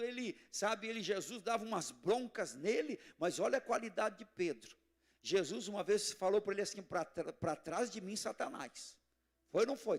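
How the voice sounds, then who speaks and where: High-voiced fervent Brazilian pastor preaching. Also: male voice. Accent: Brazilian Portuguese. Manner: fervent preaching with call-and-response to the congregation. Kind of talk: sermon. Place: church service.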